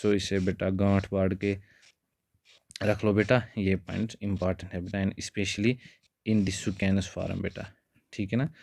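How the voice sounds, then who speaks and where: A male biology teacher explains exam points in a steady lecture, calling his students "beta" and mixing in English terms. His voice sits fairly low and barely rises or falls. The sound is dry and close, with no room echo. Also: slow pace, gravelly.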